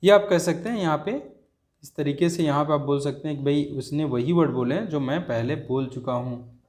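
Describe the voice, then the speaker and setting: A man's voice: a little high, brisk, darkish tone. A male teacher giving a grammar lesson, explaining step by step and often checking with his students.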